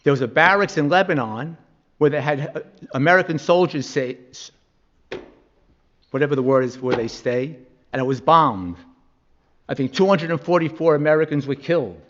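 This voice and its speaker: A man with a notably high voice delivers a heated public comment in a council chamber. He argues forcefully and fires off rhetorical questions. The recording is dull and lo-fi. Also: lively intonation, normal speed, pauses often.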